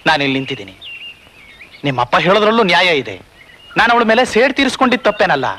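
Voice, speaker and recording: A man's voice: high-pitched, pushed and bright, slight background noise, exaggerated voice. A cheeky, proud young man. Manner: teasing, quick and playful. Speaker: film hero. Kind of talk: 1980s film dialogue.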